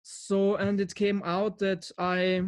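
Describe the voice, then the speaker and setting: A man from Austria, giving an earnest, halting talk over a video call from his home camera. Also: high voice, completely flat delivery. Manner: earnest, halting with fillers and restarts. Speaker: devotee lecturer.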